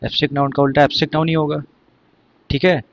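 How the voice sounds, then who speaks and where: A man's voice: on the high side, little pitch movement, very fast, muffled recording, a little hiss or hum. A man teaching an exam vocabulary lesson, explaining words one by one and quizzing his students.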